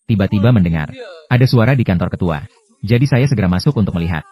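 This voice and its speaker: A man reading out translated drama dialogue as a recap voice-over, with a stiff, even delivery for every part. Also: lowish voice, quick pace, husky, dull audio.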